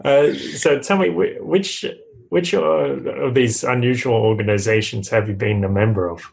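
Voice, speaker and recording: A man's voice: mid-range voice, moderate pace, vocal fry, a little mellow, slight background noise, rough recording. A man hosting a casual podcast interview, asking questions in an encouraging way with lots of small affirmations. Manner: encouraging, chuckles often, many back-channel hmms. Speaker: podcast host.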